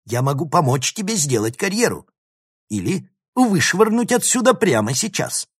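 A man's voice: on the high side, big pitch swings, normal speed, husky, dry recording, studio quality, pitched above the performer's own voice. A man voicing an arrogant, scheming male professor who sneers and bullies in an audiobook reading. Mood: sneering. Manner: sneering, condescending, flaring into shouts. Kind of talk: audiobook character voice.

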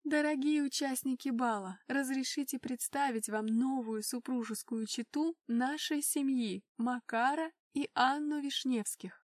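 A beaming hostess announcing at a ball, voiced by a woman narrator, slow and ceremonious. Her voice sits a little high, dry and close as in an audiobook. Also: dry recording.

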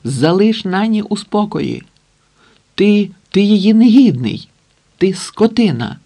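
A man voicing a jealous, nerdy young man who shouts in a shrill falsetto. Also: sing-song, slow, full character voice. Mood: furious shrieking.

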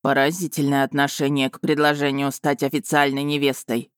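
A proud, domineering male dragon from a fantasy audiobook, speaking in a lowered, firm, growling tone, as a woman reader puts him on. The delivery is close and dry. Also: level tone, brisk, clean tone, dry recording. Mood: cold.

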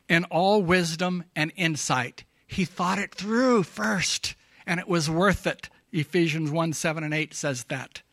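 A man's voice: high voice, pushed and bright, dry recording, clean studio sound. A man preaching a sermon as pastor in a church, emphatic and often asking the congregation questions. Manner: gets emotional.

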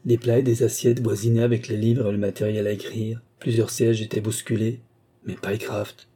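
A man narrating an audiobook in a very dark, mellow voice. His tone has a husky grain, and his reading is measured and even. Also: on the low side. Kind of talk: scripted narration.

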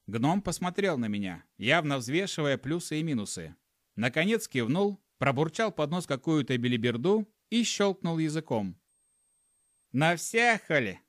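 Man, audiobook narrator, fantasy story, fairly high voice, animated. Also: normal speed, no echo, studio quality.

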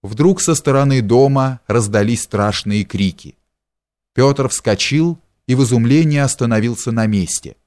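A man reading a historical novel aloud as an audiobook, steady and measured. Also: medium pitch. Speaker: audiobook reader. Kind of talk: scripted narration of a historical novel.

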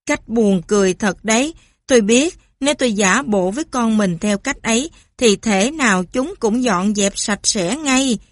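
Lady as a serious mom, earnest, a bit louder than the narrator. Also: fairly high pitch, expressive, moderate pace, no room sound. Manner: earnest, self-deprecating. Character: serious, reserved mother.

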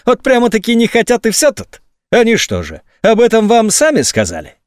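A man's voice: big pitch swings, a little fast, no echo, clean studio sound. Man putting on a sneering, sarcastic general. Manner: mocking, sneering, sometimes shrill. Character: sarcastic, scornful male army general on phone.

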